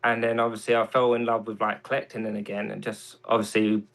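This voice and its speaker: Hesitant soft-spoken London man. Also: on the low side, level tone, fast talker, rough recording. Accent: London English. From England. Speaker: guest. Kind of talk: casual chat.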